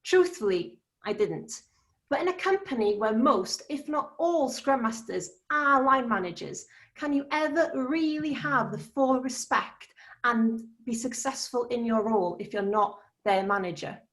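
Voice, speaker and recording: A woman's voice: fairly high pitch, expressive, measured pace, fairly bright tone. A woman with a Welsh accent giving an earnest, persuasive prepared conference talk. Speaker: conference speaker.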